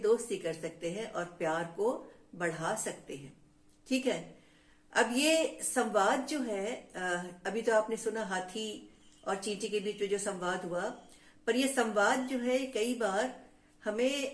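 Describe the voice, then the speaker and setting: Slow, teacherly woman storyteller for kids, echoey room. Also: medium pitch. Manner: teacherly, addresses listeners as friends. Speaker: storyteller for children. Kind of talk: children's storytelling lesson. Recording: roomy echo.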